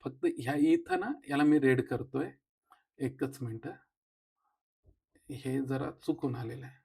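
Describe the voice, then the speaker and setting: A man's voice: medium pitch, measured pace, creaky, darkish tone, husky. A man with a Marathi accent teaching an exam-prep grammar lesson, explaining step by step and putting questions to his listeners.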